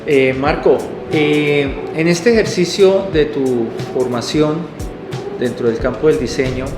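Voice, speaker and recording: A man's voice: on the high side, takes it slowly. A man, a lecturer hosting an interview, asking questions hesitantly with many fillers. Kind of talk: hosted interview. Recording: echoey hall with music.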